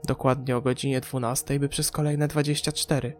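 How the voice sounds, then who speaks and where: A man's voice: mid-range voice, level tone, fairly quick, faint music behind, natural voice. A man voicing a haunted forty-year-old woman recalling her time in an asylum, in an audiobook. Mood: haunted, pained. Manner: withdrawn, pained recollection.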